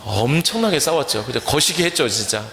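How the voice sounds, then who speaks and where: A man's voice: medium pitch, sing-song, fairly quick, gravelly, a bit bright, a little hiss or hum. A male pastor from central Korea, preaching a sermon and often asking the congregation questions to draw their answers. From Chungcheong, Korea. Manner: asks the congregation questions and leads call-and-response. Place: church sanctuary. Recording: echoey church hall.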